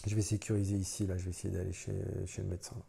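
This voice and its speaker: A man's voice: sits low, flat delivery, fast talker, creaky, warm tone, a little hiss or hum. A man casually playing a solo board game, thinking aloud as he explains the rules, with self-deprecating asides.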